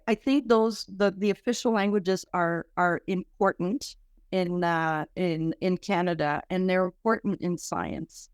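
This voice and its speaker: A woman's voice: on the low side, smooth, dry recording, clean studio sound. A middle-aged woman from Quebec, a research director speaking earnestly in a podcast interview, often restarting her sentences. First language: French. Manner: earnest, halting with many restarts.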